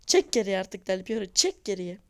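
Female gamer, slightly hoarse, casual match commentary, scolds and cheers her players. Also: mid-range voice, fairly quick, background noise. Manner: excitable, scolds and urges on the players. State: voice sounds off, hoarse. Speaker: mobile football gamer. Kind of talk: casual live gameplay commentary.

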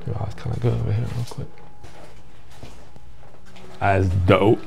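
A young man vlogging as he explores a dark abandoned building, making slow, awed remarks into a handheld camera. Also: lowish voice, fairly even intonation, gravelly, music in the background. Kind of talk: casual exploring vlog. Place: dark abandoned hotel indoors, then street at night.

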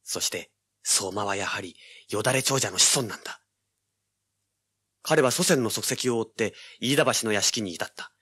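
Pitched on the low side and moving at a moderate pace, this actor's voice sounds pushed and bright as he plays a cocky young male treasure hunter. His audio-drama narration and dialogue come across intense, intent and dramatic, in rough, casual speech.

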